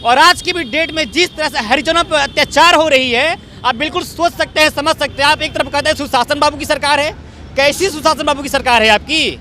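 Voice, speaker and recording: A man's voice: very high voice, fairly quick, sharp tone, a little hiss or hum. A man reporting from outdoors, speaking with anger and accusation. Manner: angry, accusing. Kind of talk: street news report.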